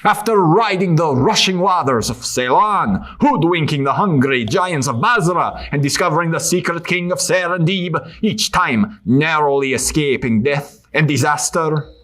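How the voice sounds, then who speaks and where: A man's voice: a little high, a little slow, hardly any pauses, fairly bright tone. A man voicing a self-important sailor adventurer in a theatrical puppet show, grandly speaking of himself in the third person. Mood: boastful, defeated. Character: dramatic adult male sailor adventurer puppet, self-important, prone to despair.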